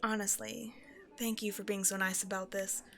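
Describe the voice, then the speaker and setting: Playing a timid young woman who doubts herself, a woman rambles to a stranger in an intimate one-sided roleplay, coming across as nervous and chatty. Her manner is hesitant and apologetic, giggly, and prone to anxious overthinking. She uses a natural, creaky mid-range voice with flat delivery at normal speed.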